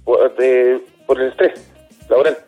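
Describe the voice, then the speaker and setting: A man, a dismissed youth care worker, answering in a radio interview in an earnest, halting way, often repeating words. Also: medium pitch, fairly even intonation, phone-quality sound, soft background music.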